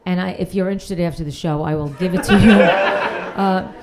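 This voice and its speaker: A woman's voice: on the low side, fairly even intonation, normal speed. New lady comic, dry and sarcastic, crowd laughing behind her. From Queens, New York. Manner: dry, self-mocking, reads messages aloud with sarcasm. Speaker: stand-up comedian on a panel show. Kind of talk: stand-up comedy set. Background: audience laughter.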